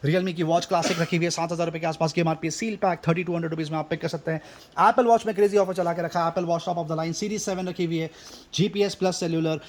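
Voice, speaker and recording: A man with an Indian accent delivers an overeager teleshopping pitch. His voice sits high for a man and he rattles along very quickly. He hypes each deal with repeated stock superlatives, as a shop host does. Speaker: shop channel host presenting deals. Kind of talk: rapid-fire teleshopping sales pitch.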